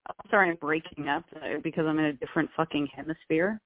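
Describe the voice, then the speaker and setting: A woman co-hosting a casual chat show by phone, coming through a breaking-up line, with a wry, deadpan sense of humor. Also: low-pitched, fast talker, no echo. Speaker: podcast co-host calling in from abroad. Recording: tinny, dry phone call with dropouts.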